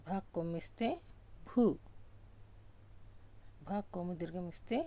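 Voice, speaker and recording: A woman leads a step-by-step alphabet lesson, reciting one syllable at a time in a calm, deliberate way. Her voice is low and mellow, with a gravelly edge, and she repeats sounds so that learners can follow. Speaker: teacher.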